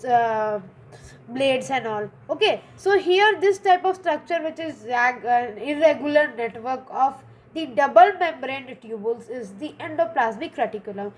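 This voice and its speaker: A woman with a high, light voice and an Indian English accent teaches a biology lesson, walking through each term patiently. She repeats important words and keeps asking "okay?" to check the listener follows. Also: slight background noise. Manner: explains step by step, repeats key terms, checks in with "okay?".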